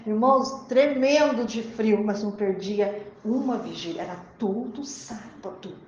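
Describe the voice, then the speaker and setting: A woman's voice: medium pitch, measured pace, a little mellow. A woman gives an emotional sermon with personal testimony, calling out to the brothers and sisters again and again. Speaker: preacher. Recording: echoey, muffled, slightly noisy recording.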